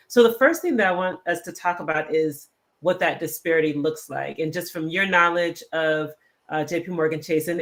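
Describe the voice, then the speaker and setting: A host of a live discussion show, speaking in a measured way and framing questions at length. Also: medium pitch, fairly bright tone.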